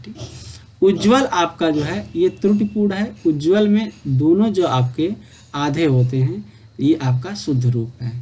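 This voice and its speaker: A man's voice: on the high side, mellow, husky. A man teaching a spelling lesson for exam preparation, repeating each correction and leaning on the same filler phrases. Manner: repetitive, drilling corrections with filler "आपका".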